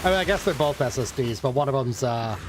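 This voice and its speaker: A man's voice: mid-range voice, animated, fast talker, background noise. A man live-streaming a game, chatting casually and rambling as he answers viewers' questions. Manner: rambling, talks around answers to chat questions. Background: game music.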